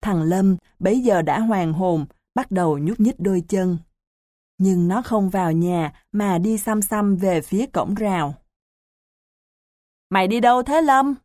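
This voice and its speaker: A woman reading a children's novel aloud as a storybook narrator, in an unhurried, even reading manner. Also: on the low side, no room sound, clean studio sound. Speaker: audiobook narrator.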